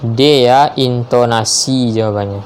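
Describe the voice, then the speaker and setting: A teacher reads out quiz questions one option at a time, slow and measured in a mid-range, slightly mellow male voice. He confirms each answer with a short affirming word, while a faint hiss runs beneath.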